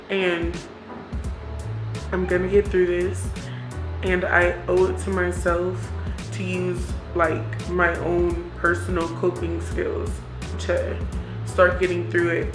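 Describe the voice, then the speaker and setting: A woman's voice: on the low side, flat delivery, a little slow. A woman vlogger chatting casually and confessionally, candid and reflective, talking herself into encouragement. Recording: roomy echo with music behind.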